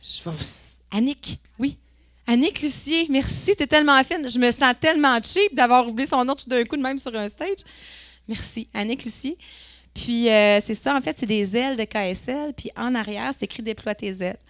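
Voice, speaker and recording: A woman's voice: a little high, normal speed, fairly bright tone, no echo, studio quality. A woman with a Quebec French accent, earnestly telling a personal story on a conference stage and sometimes searching for words. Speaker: entrepreneur giving a talk.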